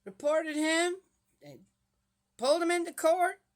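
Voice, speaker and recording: A woman's voice: extremely high pitch, animated, measured pace. Lady, 60s, rambly chat to viewers, keeps asking "right? yes? no?". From Switzerland. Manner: rambling, fires rhetorical questions at viewers. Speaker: vlogger reading the Bible. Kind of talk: casual chatty monologue.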